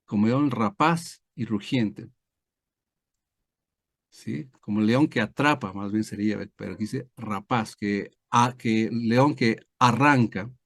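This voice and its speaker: A pastor teaching a Bible study over a video call, explaining step by step with many fillers and tag questions. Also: male voice, on the low side, slow, no room sound, studio quality. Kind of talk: online screen-share Bible lesson.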